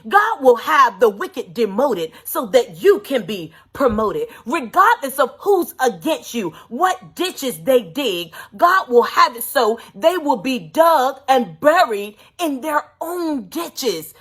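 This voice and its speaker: A woman's voice: sits high, big pitch swings, slow pace, few pauses, a bit bright, husky. A woman preacher retelling a Bible story in an emphatic sermon, with rhetorical questions to her listeners.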